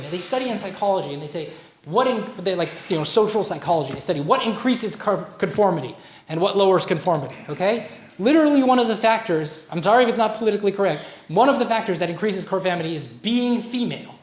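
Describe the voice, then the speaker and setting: A man's voice: high-pitched, slight background noise. Man coaching a workshop in a roomy hall. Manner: chatty lecturing with personal anecdotes and asides. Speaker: relationship coach leading a workshop. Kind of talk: informal workshop talk. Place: workshop room at a community centre. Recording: roomy room recording.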